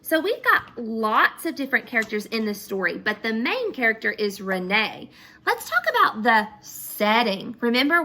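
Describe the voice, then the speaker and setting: A woman teacher reading a picture book aloud to children and then asking the class questions about it. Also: a little high. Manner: expressive, asks children questions.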